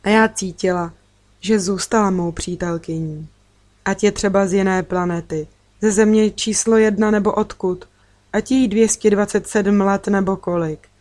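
A woman narrating a children's story in the first person, in a steady, earnest reading voice. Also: mid-range voice. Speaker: audiobook reader.

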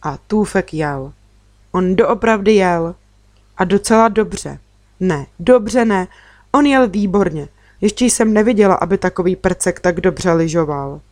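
A woman narrating a children's audiobook in the first person, with an even, storytelling delivery. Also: fairly low pitch, dry recording. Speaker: audiobook reader.

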